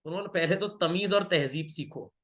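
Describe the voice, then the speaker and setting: A man's voice: sits high, normal speed, fairly bright tone. A middle-aged man teaching business studies in an online class, mixing Hindi and English and playfully teasing and checking on his students. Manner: teases and scolds students playfully.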